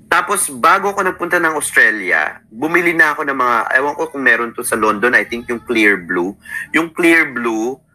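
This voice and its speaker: An animated interview guest in his thirties, Filipino-accented, speaks at medium pitch and a moderate pace in a pushed, bright voice, though the audio is poor. Recounting his life casually, he sounds sleepy, code-switches between Tagalog and English, and keeps quoting his own and others' words.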